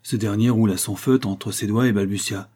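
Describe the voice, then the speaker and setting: A man reading a novel aloud in steady scripted narration. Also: lowish voice, moderate pace, husky. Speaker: audiobook reader.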